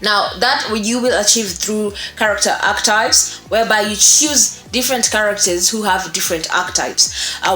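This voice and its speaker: A young adult woman sits in a small room teaching to camera as a presenter, speaking emphatically and regularly checking that her listeners are following. Her voice is on the low side and a little bright. Faint music sounds in the echoing space.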